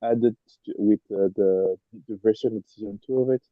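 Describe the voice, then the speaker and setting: A man's voice: fairly low pitch, steady tone, normal speed, no room sound. Man on glitchy, breaking-up call audio. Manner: hesitant, many fillers and restarts. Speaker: podcast co-host joining by call. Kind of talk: casual chat. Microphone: computer headset over a video call. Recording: dull lo-fi online call audio.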